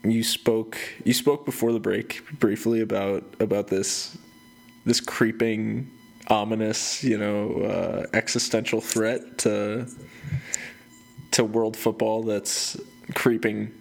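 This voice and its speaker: A man co-hosting a soccer podcast, chatting casually with dry humor and slow, drawn-out phrasing. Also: lowish voice, level tone, gravelly. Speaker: podcast co-host. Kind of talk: casual chat.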